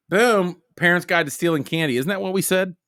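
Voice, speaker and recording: A man's voice: high-pitched, animated, normal speed, sharp tone, no room sound, studio quality. A man in his thirties hosting a casual comedy podcast, loose and jokey, saying "dude" a lot. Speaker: podcast host.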